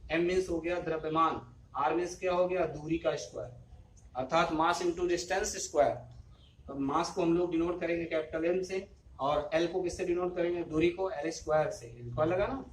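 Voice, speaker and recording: Physics teacher, male, high voice, echoey room with faint noise, quizzes the class and answers himself. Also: steady tone, moderate pace. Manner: asks students questions and answers them himself; addresses students fondly as children. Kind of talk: classroom lecture.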